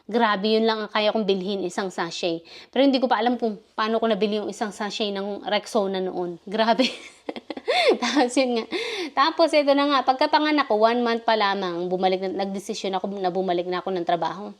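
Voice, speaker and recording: A woman's voice: medium pitch, fairly even intonation, fairly quick. A woman from the Philippines in her thirties telling a personal story in a casual vlog, rambling and often stopping to correct herself. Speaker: vlogger.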